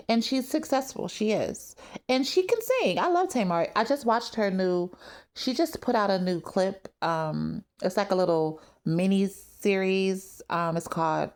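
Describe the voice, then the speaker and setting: A woman's voice: medium pitch, lively intonation, a little slow. A woman giving blunt, candid opinions on reality TV in a casual vlog. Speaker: reality TV commentator.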